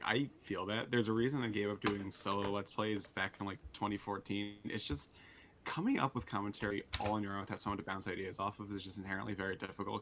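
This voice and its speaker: A man's voice: on the low side, a bit bright, slight background noise. An American man guesting on a stream, chatting casually with laid-back dry humor. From United States. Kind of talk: casual chat.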